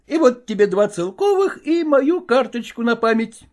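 A woman's voice: on the high side, sing-song, normal speed, a little mellow. A woman reading a storybook, voicing a sly, servile male lackey who gossips and fawns. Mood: fawning. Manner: fawning, gossiping.

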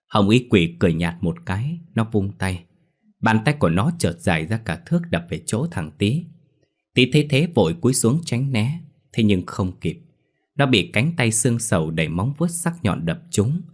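A man reading a horror story aloud as its narrator. His voice sits low and his delivery stays steady and measured throughout.

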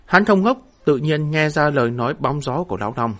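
A man narrating a fantasy novel in a steady, dramatic storytelling voice. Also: fairly high pitch, brisk. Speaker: audiobook narrator.

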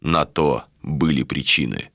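A man reading an audiobook voices a cold, contemptuous male ruler in a low, measured voice. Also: gravelly, bright, forceful tone, no echo, clean studio sound, full character voice. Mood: cold, commanding.

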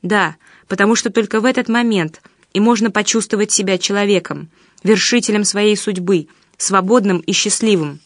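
A woman's voice: mid-range voice, moderate pace, no room sound, close to an everyday voice. An embittered man rants with heated, accusing emphasis, read by a woman in an audiobook. The sound is dry and close, with no room around it. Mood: bitter. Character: bitter, resentful man ranting about his lover. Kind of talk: audiobook reading.

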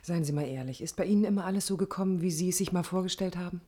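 Speaking rapid-fire in a fairly low, dark-toned voice, a woman plays the idealistic young architect who narrates this 1980s East German radio play in the first person. The acting is light, the mood wistful. Her introspective monologue is intimate, earnest and thoughtful, occasionally dropping close to a whisper, and her character is reflective but stubborn and defiant.

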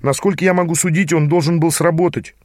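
Guy putting on a jumpy young apprentice mage voice, pitched up, stammering. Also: fairly even intonation, quick pace, dry recording, studio quality, close to an everyday voice. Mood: defensive. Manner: hesitant, stammering, defensive. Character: nervous young male apprentice magician. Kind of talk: audiobook character voice.

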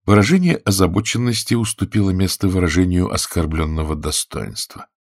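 Deep gravelly male storyteller. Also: brisk, no echo, studio quality. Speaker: narrator. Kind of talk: audiobook narration.

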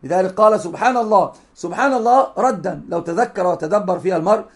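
Sheikh giving a lesson, high voice, talks fast, repeats himself for emphasis. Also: male voice. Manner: emphatic, repeats phrases, quotes scripture. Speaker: sheikh teaching hadith. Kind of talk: religious lesson commentary.

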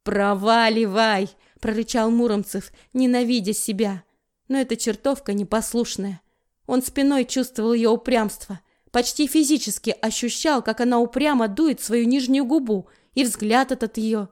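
A woman reading a dramatic audiobook with an expressive delivery. Her voice sits somewhat high for a woman. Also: moderate pace. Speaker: audiobook narrator. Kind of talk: audiobook narration.

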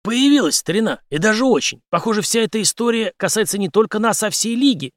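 This performance gives a confident, mocking special-forces commander a high-pitched voice, raised above the man's own natural register. He speaks fast with lively intonation and a cool, menacing edge, captured in a dry, clean studio recording.

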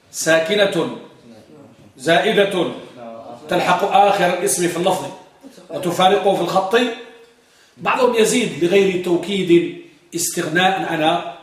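A man teaches grammar to a class. He quizzes his students and drawls out examples and lines of verse in a slow chant. He sounds set back from the mic in a strongly echoing classroom. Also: high-pitched, fairly bright tone. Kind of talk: classroom lesson with questions to students. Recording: echoey classroom from far off.

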